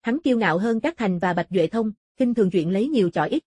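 Mellow, husky woman narrating an audiobook. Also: medium pitch, animated, quick pace, no room sound, clean studio sound. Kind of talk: scripted narration of a fantasy martial-arts novel.

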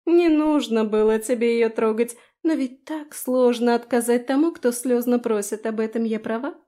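Female narrator doing a haughty young noblewoman, high and mellow, scheming behind fake tears. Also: expressive, normal speed, close to an everyday voice. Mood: mocking. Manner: tearful pleading, then mocking.

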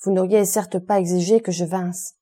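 A woman's voice: fairly low pitch, fairly even intonation, normal speed, mellow, lightly acted. Woman reading a terrified pleading steward. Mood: frightened pleading. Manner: fearful, pleading, agitated exclamations.

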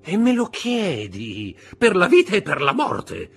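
A man's voice: mid-range voice, big pitch swings, measured pace, fairly bright tone, husky, soft background music, voice pushed up, full character voice. A man reading aloud, voicing a greedy, wheedling old male schemer who stammers and repeats his words.

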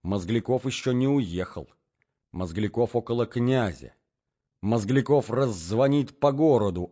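A man reading an audiobook as narrator, telling the story in a calm, even way. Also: mid-range voice. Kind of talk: scripted narration. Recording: dull lo-fi audiobook recording.

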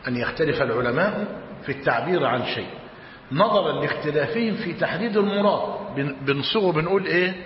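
A man with an Egyptian accent teaches a religious lesson, slowly dictating and repeating each phrase and quizzing his students. His voice is fairly high with lively intonation. The recording sounds dull and roomy, like a hall, with faint hiss.

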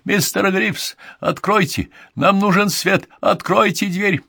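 A man voicing a middle-aged Victorian doctor who gives forceful, urgent commands. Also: mid-range voice, expressive, normal speed, no room sound, clean studio sound, voice pushed up.

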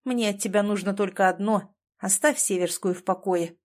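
A woman reading as a calm, tough rescuer. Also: medium pitch, normal speed, close to an everyday voice. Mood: firm. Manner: level, firm. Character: calm, tough rescue worker, grown man. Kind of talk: audiobook character reading.

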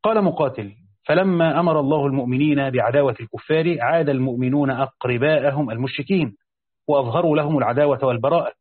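A man reading a classical Quran commentary aloud, stopping to explain passages in his own words with small pauses and restarts. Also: mid-range voice, husky, no room sound. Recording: tinny phone-like audio, dry.

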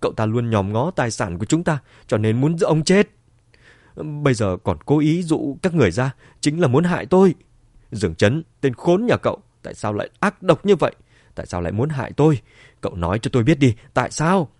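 A man's voice: medium pitch, lively intonation, fairly quick, darkish tone, dry recording, studio quality. A man voicing a desperate middle-aged wife who pleads and shrieks in a raised voice. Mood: hysterical.

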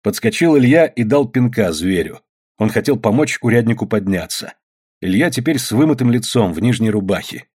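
A man's voice: lowish voice, expressive, a little fast, a little mellow, breathy edge. A man narrating an audiobook expressively, with dramatic delivery. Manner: dramatic, acts out voices.

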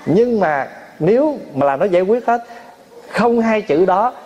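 Monk preaching in a fairly high voice. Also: male voice, animated, measured pace, darkish tone, highs cut off, a little hiss or hum. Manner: storytelling, acts out family quarrels, laughs often. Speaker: Buddhist monk giving a dharma talk. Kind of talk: sermon.

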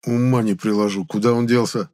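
A man voicing an excitable, touchy man who speaks high and loud and flares into shouting. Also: fairly quick, natural voice. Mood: grumbling.

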